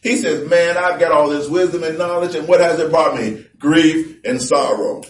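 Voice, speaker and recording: Conversational male preacher, echoey and distant. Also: fairly high pitch. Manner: conversational, reads scripture slowly and emphatically. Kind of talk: sermon. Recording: echoey room from far off.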